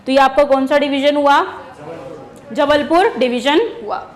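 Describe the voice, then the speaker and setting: High-voiced woman teaching with call-and-answer. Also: steady tone, a little slow. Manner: asks questions and answers them herself, repeating key words. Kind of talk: exam-prep lesson using memory stories.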